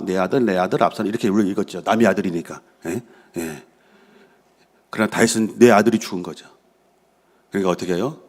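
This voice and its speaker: Middle-aged male senior pastor, slightly low voice, sermon delivery with call-and-response questions to the congregation. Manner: engages the congregation with frequent questions and affirming "yes"; reads scripture aloud, then expounds with personal stories.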